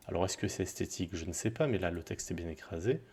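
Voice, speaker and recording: A man explaining a coding tutorial in a relaxed, chatty way, with small asides and self-corrections. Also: low-pitched, fast, husky. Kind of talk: screen-recorded coding tutorial.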